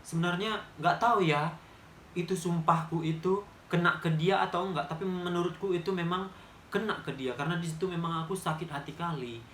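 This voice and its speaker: A vlogger in his 20s with a Medan Indonesian accent recounts a story to camera, chatty and emphatic. His voice sits high and fairly bright, steady in tone and a little fast, with roomy echo and slight background noise.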